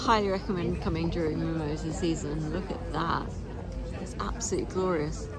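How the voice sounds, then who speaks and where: A woman's voice: low-pitched, fairly even intonation, a little fast, loud music behind the voice, a loud crowd. A woman chatting casually to her handheld camera outdoors in a city, gushing and enthusiastic as she vlogs. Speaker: vlogger. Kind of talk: casual travel vlog chat. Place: outdoors in a city, partly on a bridge. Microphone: handheld camera while filming herself. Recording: loud outdoor urban noise.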